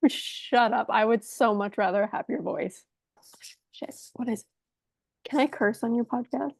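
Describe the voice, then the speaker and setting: A woman's voice: fairly high pitch, measured pace, creaky, no echo. An American woman guesting on a podcast, talkative and rambling in casual chat. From United States.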